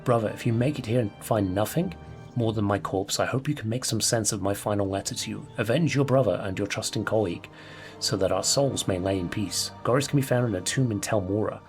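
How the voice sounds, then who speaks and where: A man's voice: on the low side, a little fast, soft background music, voice pushed down, close to an everyday voice. A man voicing a doomed male mercenary, solemnly reading his farewell letter aloud in a put-on accent. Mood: grave, desperate.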